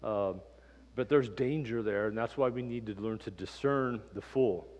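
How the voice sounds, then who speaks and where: A man teaching a casual Bible class in a church, talking in a relaxed, conversational way with plenty of ums and uhs and personal stories. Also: mid-range voice, moderate pace, muffled recording. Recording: reverberant church room.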